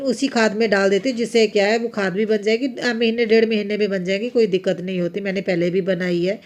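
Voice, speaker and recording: A woman's voice: mid-range voice, darkish tone. Chatty homemaker woman with a Punjabi-tinged accent. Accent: Punjabi-influenced Hindi. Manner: chatty, homely, rambling with many asides. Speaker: homemaker vlogger. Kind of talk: casual voice-over vlog narration.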